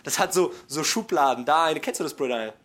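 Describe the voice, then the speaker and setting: A middle-aged man preaching a sermon to his congregation, folksy and joking, dropping to hushed asides and then building to loud, emphatic passages. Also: on the high side, lively intonation, fairly quick. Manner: folksy, joking, addresses listeners directly.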